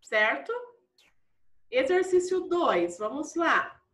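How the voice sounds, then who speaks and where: A woman's voice: high voice, sing-song, takes it slowly, a bit bright, reverberant. A woman teaching a primary school class, patiently walking through exercises and often checking in with the children. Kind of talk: classroom lesson walkthrough.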